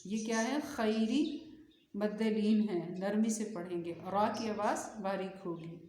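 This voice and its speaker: A woman teaching a Quran reading lesson, slowly spelling out syllables and then explaining the rules briskly. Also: mid-range voice, steady tone, mellow, echoey room, slight background noise.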